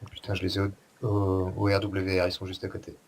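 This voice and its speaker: A man's voice: deep voice, monotone, fairly quick. A man making clipped, matter-of-fact radio calls full of jargon over a pilot's headset as he flies a jet in a combat flight game.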